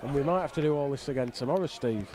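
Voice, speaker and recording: A man's voice: medium pitch, quick pace, a little mellow. A middle-aged man giving casual, jokey live commentary on a bowls match. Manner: jokey, bantering. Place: outdoors on a flat roof in the rain.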